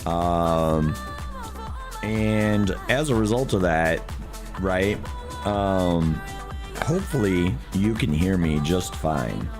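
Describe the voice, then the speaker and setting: Having lost his voice, a man sounds hoarse and unusually deep as he streams a driving game, keeping quiet to protect it. He is animated but extremely slow, chatting with viewers and laughing at himself over music in casual livestream commentary.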